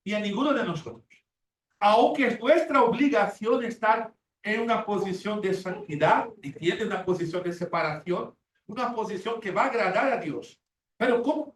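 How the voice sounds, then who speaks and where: Emphatic older man preaching, echoey room. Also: high voice. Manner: emphatic, repeats words, acts out quoted prayers. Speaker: Bible teacher. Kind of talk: sermon-style Bible class. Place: church classroom. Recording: echoey room from far off with faint hiss.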